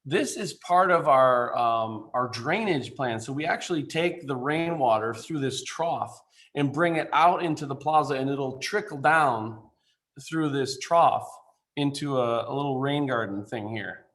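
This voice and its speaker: Man on a video call, architect pitching a design, casual and halting, mid pitch. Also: a bit bright. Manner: informal, halting, many fillers and restarts. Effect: speaking remotely over a video call. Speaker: architect presenting a building design. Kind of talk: presentation to a council.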